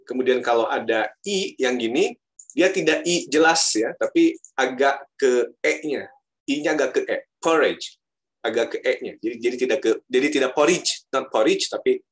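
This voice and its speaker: A man's voice: medium pitch, moderate pace. A male university lecturer with an Indonesian accent, teaching pronunciation and repeating words aloud to model them. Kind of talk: pronunciation lesson.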